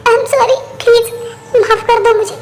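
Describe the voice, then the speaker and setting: A woman's voice: very high voice, flat delivery, brisk, soft background music. A woman voicing a remorseful young woman who pleads through tears in a fan-dubbed drama. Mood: pleading. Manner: pleading, apologetic. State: crying. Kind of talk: Hindi fan-dub voice acting.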